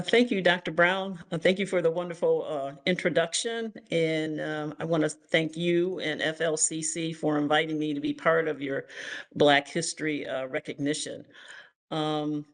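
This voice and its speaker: An older woman from Ohio giving an online history lecture as guest author, measured and filled with ums and uhs. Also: low-pitched, gravelly. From Toledo, Ohio, US. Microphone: video call.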